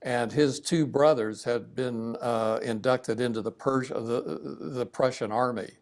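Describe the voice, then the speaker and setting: Older man, veteran remembering haltingly. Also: mid-range voice, fairly even intonation. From southern Ohio, United States. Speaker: interviewee, veteran. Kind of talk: oral history interview, recalling family history.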